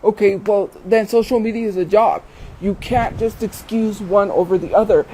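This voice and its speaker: A woman's voice: medium pitch, steady tone, moderate pace, dark tone. A woman chatting casually on a livestream, speaking in an emphatic, defensive way and repeating phrases, recorded outdoors in the wind. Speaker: livestream host. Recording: windy, noisy outdoor phone recording.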